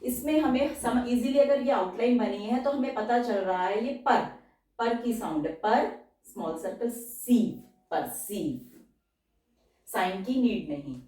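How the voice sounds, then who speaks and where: Echoey woman teaching slowly, repeating words. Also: a little high, animated, warm tone. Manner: explains slowly, repeats each word, drawls example words. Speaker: shorthand teacher. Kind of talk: step-by-step spoken lesson. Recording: very echoey room, voice from far off.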